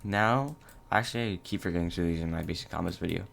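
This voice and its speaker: A young man narrating a casual gameplay tutorial, halting and low-key with many fillers. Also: vocal fry, a bit bright, slight background noise. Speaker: gaming channel host.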